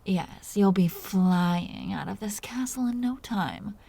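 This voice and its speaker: In an intimate roleplay audio drama, a woman voices a dominant vampire captor, teasing and seductive, in breathy half-whispers. Her medium-pitched voice is dark-toned and exaggerated, moving slowly with a mocking edge.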